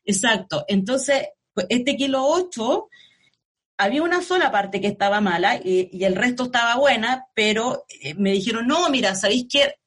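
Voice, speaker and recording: A Chilean woman journalist recounting her illness in an interview, halting and searching for words. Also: a little high, lively intonation, fairly bright tone, husky. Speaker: journalist guest. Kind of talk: emotional personal interview.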